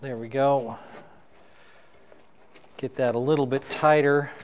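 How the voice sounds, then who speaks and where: A middle-aged man demonstrating how to assemble lighting gear at a table in a dark studio, talking as he works. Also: mid-range voice, steady tone, long reverb tail, dull audio, slight background noise. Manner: unhurried, talks while assembling gear. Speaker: photographer reviewing gear. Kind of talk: hands-on gear demo. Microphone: wireless lapel mic.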